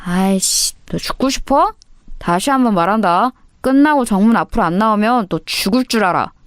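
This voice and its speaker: A woman's voice: a little high, animated, normal speed, clean tone, no room sound, clean studio sound, close to an everyday voice. A woman voicing a menacing teenage male school bully who talks in threats, in an audio story. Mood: menacing swagger. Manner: threatening, swaggering.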